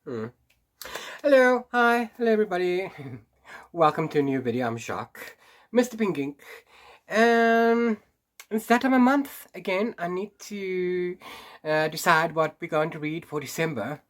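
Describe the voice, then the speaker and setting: This South African book vlogger has a high-pitched, expressive voice and takes his time. He chats casually to camera in a rambling way, full of restarts and little laughs, sounding congested and sniffly from hay fever.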